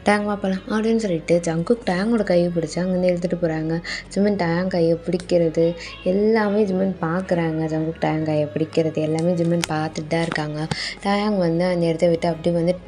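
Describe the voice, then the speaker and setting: A woman's voice: on the low side, steady tone, fast talker, mellow, faint music behind. A woman with a Tamil accent narrates fan fiction in a chatty way and speaks directly to her listeners. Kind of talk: casual story narration. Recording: recorded at night at home.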